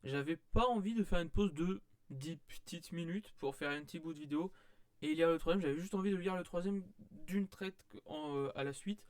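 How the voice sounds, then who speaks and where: A man's voice: a little high, normal speed, smooth, no room sound, studio quality. A man chatting casually through a manga review, rambling, with many fillers and restarts.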